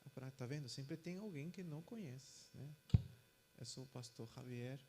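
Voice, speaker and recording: A man's voice: mid-range voice, moderate pace, a little hiss or hum, rough recording. A man from Peru with a Peruvian Spanish accent, a pastor speaking Portuguese, chatting with his congregation and then praying fervently. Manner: casual chatty introduction, then fervent loud prayer. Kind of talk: sermon and prayer. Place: church.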